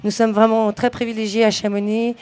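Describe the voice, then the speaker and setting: In a radio interview at an outdoor event, the woman who founded an outdoor school speaks a little fast with flat delivery, in a slightly high voice with a darkish tone. She alternates English and French, fluent but with frequent fillers and restarts.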